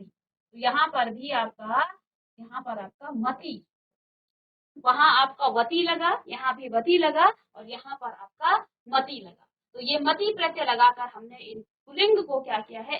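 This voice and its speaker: A woman teaching a grammar lesson to a virtual class, slowly and patiently, repeating word pairs and asking the class questions. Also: high voice, lively intonation, muffled recording. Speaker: Hindi teacher. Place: studio.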